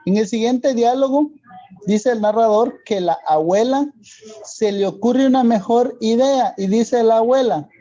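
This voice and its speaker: A male teacher with a Guatemalan Spanish accent, explaining a lesson slowly and checking in with rhetorical questions. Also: very high-pitched, warm tone, muffled recording. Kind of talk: classroom lesson for video.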